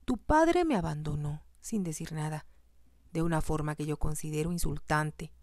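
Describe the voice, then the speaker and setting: A woman's voice: low voice, normal speed, a little mellow, no room sound, studio quality. A woman reading as a scornful haughty stepmother. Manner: cold, curt and scornful. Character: haughty, hostile widowed stepmother.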